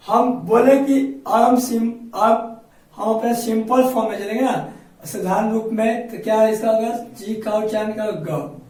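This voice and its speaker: A man's voice: sits high, a little mellow. A male coaching teacher with a Bihari Hindi accent, explaining English pronunciation in a classroom lesson. He asks himself questions and answers them, repeating each point. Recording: echoey room, distant mic.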